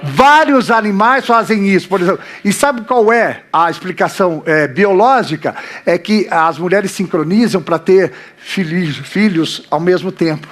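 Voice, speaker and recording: A man with a Brazilian Portuguese accent giving a relaxed live lecture, joking crudely, asking rhetorical questions, swinging between loud and soft and checking in with the audience. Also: sits high, a little slow. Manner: constant checks like "tá?" and "né?".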